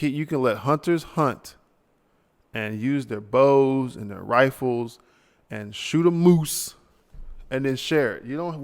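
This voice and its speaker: Solo podcast host, male, gravelly, tired late-night rant in a reverberant room. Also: mid-range voice. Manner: ranting, loose and rambling with slang. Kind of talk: solo casual monologue.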